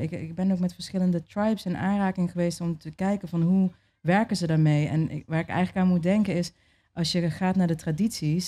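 Woman, young adult, interview guest, mellow dark tone, hesitant storytelling, many fillers. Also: fairly low pitch. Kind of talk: relaxed conversational storytelling.

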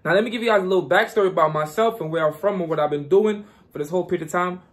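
Young Guyana-born guy, high voice, pumped-up repetitive money-advice vlogger. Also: racing. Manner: repetitive, hyped, preachy. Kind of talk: casual motivational vlog.

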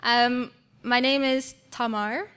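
Young woman in her 20s, slow and smooth, relaxed guest talk in church hall, stand mic. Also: fairly high pitch. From Switzerland, raised in Singapore. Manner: friendly, relaxed, laughs easily. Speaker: guest speaker. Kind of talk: church talk about mission work.

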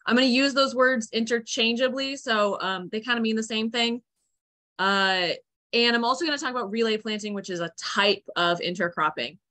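Indoors in a room at home, a young woman farmer gives an upbeat, chatty online presentation over a video call, using lots of fillers. Her voice is a little high and sharp, and she speaks at a normal speed.

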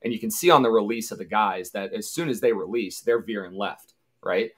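A man's voice: fairly low pitch, fairly quick. A man in his thirties, a former college football punter, telling easygoing anecdotes in a casual interview. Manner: easygoing, anecdotal, acts out quoted shouts.

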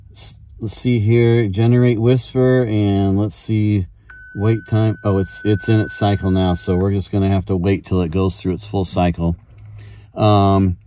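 This middle-aged American video host has a lowish, warm voice recorded without echo. Out in an open field, and at times inside a parked car, he talks casually and plainly about his ham radio hobby.

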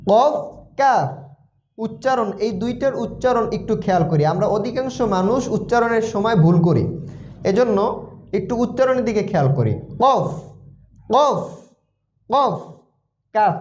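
A man teaching the Arabic alphabet for Quran reading, slowly repeating each letter name over and over for the learner, with a Bangladeshi Bengali accent. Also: extremely high pitch, sing-song, a little mellow. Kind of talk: slow letter-by-letter recitation lesson. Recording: echoey room, dull lo-fi sound.

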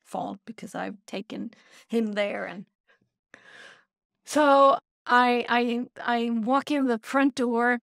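A woman hosting a podcast and telling a lively story in casual chat. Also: on the high side, slow, creaky, no room sound, studio quality. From Sweden. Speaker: podcast host.

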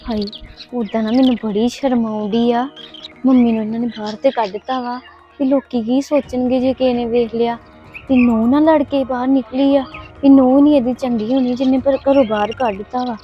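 A woman's voice: extremely high pitch, a little fast, lo-fi sound, soft background music. A woman playing a young daughter-in-law who answers back to her mother-in-law. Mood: worried. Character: young daughter-in-law, defiant but worried. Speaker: actor. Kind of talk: village family drama acting.

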